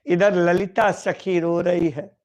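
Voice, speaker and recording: Slow emotional male devotional storyteller. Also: high-pitched, little pitch movement, darkish tone. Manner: emotional, drawn-out, repetitive. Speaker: preacher.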